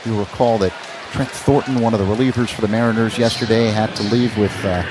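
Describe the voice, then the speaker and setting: An American man calls baseball play-by-play live on radio in a low-leaning, steady voice, speaking fairly quickly. Clipped phrases trail the action on the field, with the ballpark crowd audible in the background.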